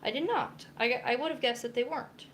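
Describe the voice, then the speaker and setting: A woman's voice: sits high, fairly quick, a bit bright, a little hiss or hum. A young woman, a dietitian, chatting casually on a live cooking stream, reading viewer comments aloud as she chops vegetables in her kitchen. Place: home kitchen.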